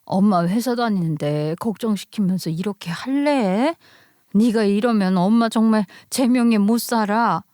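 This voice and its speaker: A woman's voice: medium pitch, unhurried, mellow, dry recording, clean studio sound, natural voice. Lady doing a stressed mom checking on her kid, anxious, fussy. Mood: worried. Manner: anxious, fussing. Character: worried working mother, fussing over her child.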